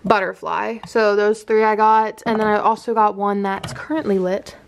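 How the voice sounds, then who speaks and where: A woman's voice: medium pitch, fairly even intonation, moderate pace, gravelly, a little hiss or hum. A woman in her twenties chatting casually in a home vlog, saying "like" and "um" a lot and laughing often, filmed in her kitchen. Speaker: vlogger. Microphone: phone camera.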